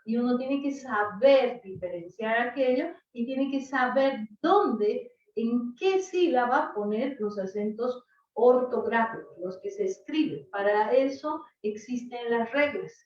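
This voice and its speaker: Woman teacher, higher voice, lecturing patiently; echoey, distant, lo-fi recording. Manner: explanatory, asks "¿no?" and "¿sí?" often. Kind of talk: online class lecture. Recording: echoey, distant, dull lo-fi sound.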